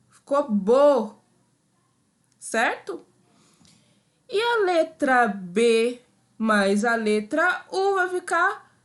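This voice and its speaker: A woman's voice: fairly high pitch, fairly bright tone. A woman teaching an adult literacy lesson over slides, patiently sounding out and repeating syllables for her learners.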